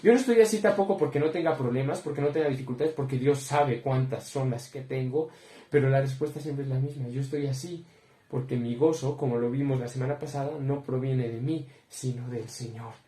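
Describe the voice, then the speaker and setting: A man's voice: mid-range voice, fairly quick, dark tone. Earnest young man teaching the Bible. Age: young adult. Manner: earnest, repeatedly addresses listeners as brothers. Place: room with bookshelves behind him. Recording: roomy echo.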